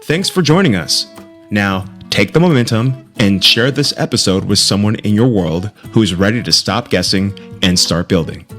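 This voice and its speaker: A man reading a scripted podcast outro in a smooth promotional manner. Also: fairly low pitch, animated, moderate pace, a bit bright. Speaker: podcast announcer. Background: guitar music.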